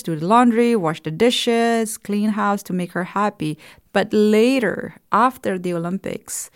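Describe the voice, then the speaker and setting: A woman's voice: lowish voice, darkish tone, smooth, dry recording. A woman, telling her story in a documentary interview in an earnest, reflective way. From Afghanistan. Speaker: interviewee, former Olympic judoka.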